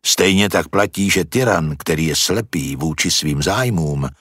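Low husky male narrator. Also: a bit bright, no echo, clean studio sound. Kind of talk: scripted narration.

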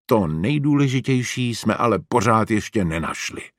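A man's voice: fairly low pitch, animated, no room sound, studio quality, close to an everyday voice. A man voicing Tom, a wistful, easily dismayed boy in a read-aloud children's story. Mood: worried. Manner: sighing, dismayed.

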